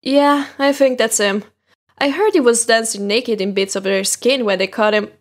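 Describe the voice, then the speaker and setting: For a comic dub, a woman plays a brash, foul-mouthed fairy-tale princess who is blunt, sardonic and gossipy. Her natural voice is a little high and moves at a moderate pace over soft music.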